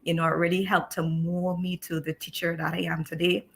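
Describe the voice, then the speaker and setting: A woman's voice: fairly low pitch, little pitch movement, fairly quick, gravelly. A woman in her thirties from Barbados, a teacher telling her story as a guest on a live-streamed interview, chatty with many restarts.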